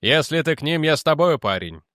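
A man's voice: a little high, big pitch swings, fairly quick, fairly bright tone, no echo, studio quality. A man reading an audiobook, voicing a dutiful police superintendent who talks matter-of-factly. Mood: puzzled.

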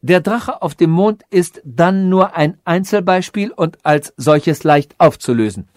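A vain, scheming old calculating machine from a storybook fairy tale, as a man reads her, lecturing her king in a lofty, knowing manner. The voice sits a touch high and sounds dry and close. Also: lively intonation, a little slow, a little mellow, no echo. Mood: musing.

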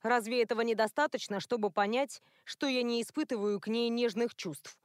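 A woman's voice: on the high side, a little fast, no room sound, studio quality, lightly acted. A woman reading the part of a flustered, impatient young male police inspector. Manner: sighing, exasperated.

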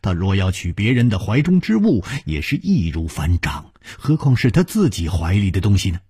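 A man telling a martial arts tale in traditional oral storytelling style, dramatic and husky. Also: big pitch swings, warm tone, dry recording, studio quality. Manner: dramatic, drawn-out delivery with sudden high exclamations.

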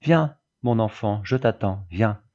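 A man's voice: lowish voice, expressive, takes it slowly, darkish tone, lo-fi sound. A man reading the part of a grieving old peasant widow who pleads in fervent prayer. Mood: pleading.

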